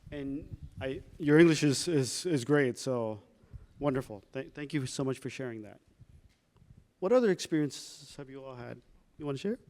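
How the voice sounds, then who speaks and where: A man with a medium-pitched voice, a doctor running a workshop, walks listeners through a reflection exercise. He asks prompting questions slowly and calmly.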